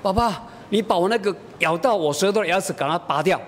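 A man's voice: fast talker, close to an everyday voice. A man voicing a stubborn four- or five-year-old girl who pleads insistently and indignantly. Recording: reverberant hall, faint rumble.

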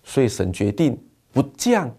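A man preaching a sermon, telling a parable and exhorting his listeners earnestly, with slow, weighty pauses. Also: medium pitch, huge pitch swings, mellow, husky.

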